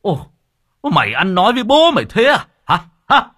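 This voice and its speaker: A man's voice: high voice, huge pitch swings, a little fast, no room sound, clean studio sound, voice pushed up, exaggerated voice. A man doing a furious old village father. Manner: yelling, ranting.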